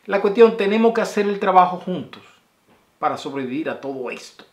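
A man's voice: high-pitched, animated, a little fast. A man, talking casually and affectionately to his viewers in a video message, rambling and sending blessings from a small room at home. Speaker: vlogger. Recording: roomy echo.

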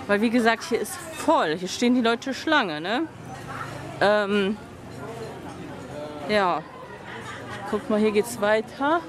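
Background noise accompanies a woman in her thirties with a medium-pitched voice as she vlogs casually to a camera held at arm's length. The travel vlogger, tired from the humid heat, rambles a little through a hotel lobby and along the street, often tagging her sentences with "genau" and "ne?".

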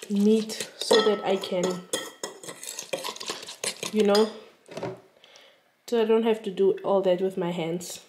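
A woman's voice: medium pitch, background noise. A young woman chatting casually in a home cooking vlog, rambling along with lots of filler words. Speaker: vlogger. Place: home kitchen. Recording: echoey kitchen, distant camera mic, kitchen clatter.

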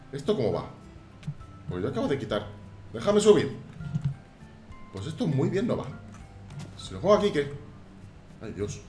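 A man chats through a game in a casual let's-play style, his pitch swinging widely as he bursts into shouted exclamations. The sound is roomy, with faint game music underneath. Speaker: gaming YouTuber.

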